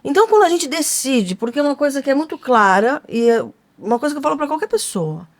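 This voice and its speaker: With a high, expressive voice and a fast pace, this podcast co-host talks earnestly and with emphasis. She poses rhetorical questions throughout the conversational exchange.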